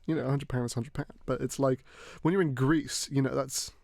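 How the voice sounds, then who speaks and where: A young man from Hong Kong hosting a casual podcast chat, telling animated stories and acting out the people he quotes. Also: medium pitch, fairly quick, gravelly, no echo, clean studio sound. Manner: animated storyteller, acts out quoted voices. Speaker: podcast host.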